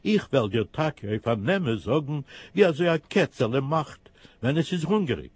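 A man's voice: medium pitch, sing-song, normal speed, husky, no room sound. A man voicing a wise old tomcat, giving advice. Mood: advising.

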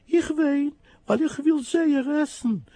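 A man voicing a hungry, stubborn little kitten in a high, plaintive mewing voice. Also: takes it slowly, creaky, mellow, no echo, exaggerated voice. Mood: pleading.

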